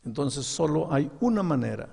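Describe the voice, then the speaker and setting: A man's voice: a little high, vocal fry, slightly rough, heavily acted. A man as a stern, loving mother. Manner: firm, deliberate, lively. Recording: long echo of a large hall.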